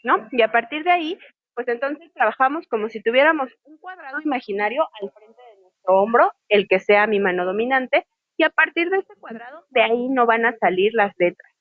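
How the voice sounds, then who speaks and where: A woman teaches sign language online, calmly spelling out letters one at a time. Her voice sits a little high. The sound is dry and muffled, like lo-fi video call audio. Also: brisk, dry recording. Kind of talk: online class instruction. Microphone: video call microphone.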